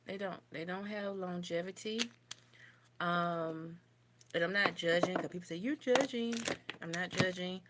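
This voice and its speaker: A woman's voice: on the low side, flat delivery, moderate pace, noisy background. A young woman, chatting casually on a makeup livestream and answering viewer comments as she goes. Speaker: beauty vlogger doing a livestream. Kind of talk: casual livestream chat while doing makeup. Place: home, indoors.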